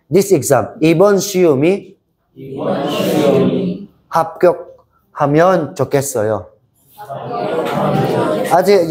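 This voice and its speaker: A man's voice: mid-range voice, a little mellow. Man teaching a Korean class. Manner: drills class in chorus, switches between Tagalog, English and Korean. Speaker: language teacher. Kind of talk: Korean exam review class.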